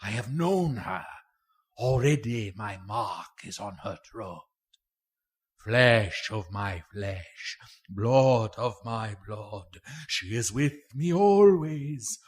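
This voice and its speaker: An actor playing a menacing, gloating vampire count in a radio play, with a taunting, incantatory delivery. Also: male voice, medium pitch, lively intonation, very slow, husky, exaggerated voice. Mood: gloating, threatening.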